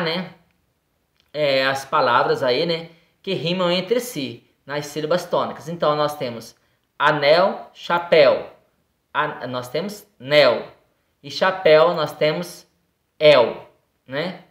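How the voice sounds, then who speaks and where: A woman's voice: deep voice, echoey room. A Brazilian woman teacher going through a grammar lesson, patiently asking and answering her own questions and tagging lines with "né?" and "ok?". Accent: Brazilian Portuguese. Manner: often tags lines with "né?" and "ok?". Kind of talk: recorded grade-school grammar lesson.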